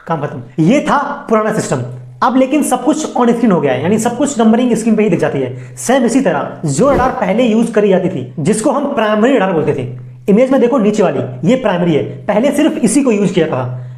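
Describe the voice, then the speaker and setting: A medium-pitched woman with a darkish tone and an Indian accent narrates an explainer video. The educational voice-over is informal, chatty and colloquial, with direct address to viewers and playful asides, recorded in a roomy, echoing space.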